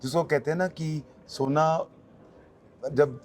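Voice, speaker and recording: A man in his sixties, a retired police officer, speaking in a measured, reflective and encouraging way during a casual conversation. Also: on the high side, fairly even intonation, faint music behind. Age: 60s.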